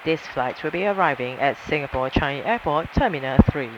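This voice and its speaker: A man's voice: a little high, lively intonation, a little fast. A male flight attendant reading a formal, polite scripted announcement over an aircraft cabin PA. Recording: muffled aircraft cabin PA, loud engine noise.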